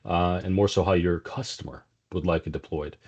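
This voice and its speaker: A man's voice: deep voice, fairly even intonation, normal speed, a little mellow, breathy edge. A middle-aged man from South Africa with a South African accent and a slight Texas twang, talking as a guest in a casual business interview, with plenty of fillers and restarts. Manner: conversational, many fillers and restarts. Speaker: sales executive guest. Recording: dull lo-fi sound.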